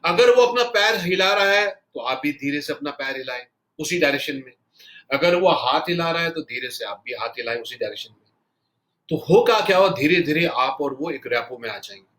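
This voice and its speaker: A man gives a spoken tutorial at a quick, loud, animated clip, mixing English words into his talk. His voice sits a little high, bright and forceful. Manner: fast, loud and animated, says so himself; mixes English words into Hindi. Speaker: NLP trainer.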